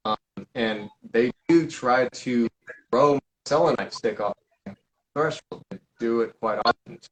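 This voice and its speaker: A man's voice: mid-range voice, rough recording. Rambling man hosting a live stream. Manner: rambling, halting, with many fillers and restarts. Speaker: paranormal investigator hosting a live Q&A. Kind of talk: casual live-stream chat.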